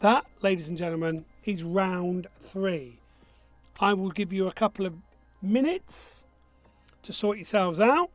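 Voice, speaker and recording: A man's voice: high voice, a little slow, no echo, soft background music. A man with a missing front tooth hosting a quiz casually, reading questions and answers in a jokey, self-mocking way. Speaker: quiz host.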